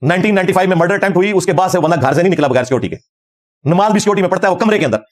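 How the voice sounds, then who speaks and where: Middle-aged male religious scholar, combative lecture delivery at a quick pace. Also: high voice. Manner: combative, fervent, quotes Arabic verses.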